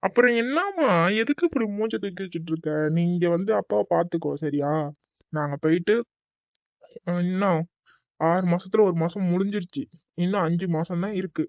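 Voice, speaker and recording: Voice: medium pitch, animated, a little fast, no echo, close to an everyday voice. A voice actor playing an exasperated young son. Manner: exasperated, coaxing. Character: young adult son, impatient and teasing. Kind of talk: cartoon voice acting. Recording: dull lo-fi dry recording.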